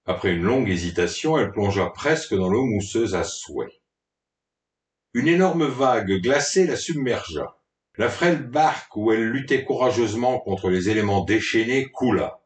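A man narrating a story in a dramatic, mock-melodramatic reading style. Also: fairly low pitch. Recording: roomy, distant from the mic.

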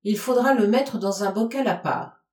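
A man's voice: sits high, moderate pace, darkish tone, lightly acted. A fussy, vain old scholar who gets flustered and puffs himself up, as a woman reading a storybook puts him on. He speaks with self-important fuss. The room gives the voice a noticeable echo. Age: older. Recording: roomy echo.

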